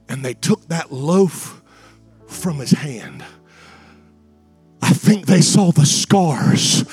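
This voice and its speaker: A man preaching a revival sermon with dramatic, sing-song phrasing, repeating lines and addressing the congregation directly. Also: slightly rough. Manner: dramatic, building from hushed, drawn-out phrases to high, sing-song cries.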